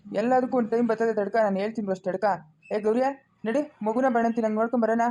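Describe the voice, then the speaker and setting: A woman playing a calm, scheming village elder with a granddaughter who advises restraint, in a Chikkaballapur Kannada accent. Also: a little high, racing, lightly acted. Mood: calm advising.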